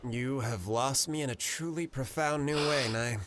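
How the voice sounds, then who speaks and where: A man's voice: mid-range voice, moderate pace, fairly bright tone, slight background noise, lightly acted. A man playing a dry, sceptical companion of a knight in a video game. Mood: baffled, dry.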